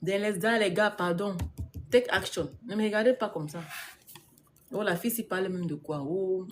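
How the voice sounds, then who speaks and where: A woman's voice: medium pitch, moderate pace. A woman business coach speaks on a casual live stream and answers viewers' comments as they come in. She is emphatic and repeats her points. She laughs often and slips English words into her talk, with a faint hum of noise behind her.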